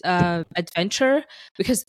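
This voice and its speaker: A woman's voice: fairly low pitch, expressive, a little slow, dry recording, rough recording. A woman from Sudan chatting casually as the host of a podcast. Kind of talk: casual chat.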